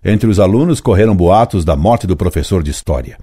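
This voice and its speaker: Brief: older man in his 70s, very low dark voice, dry close sound, solemn reflective reading. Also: animated, breathy edge, dry recording. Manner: slow, solemn, measured delivery with long pauses. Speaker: history teacher. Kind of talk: reflective scripted narration.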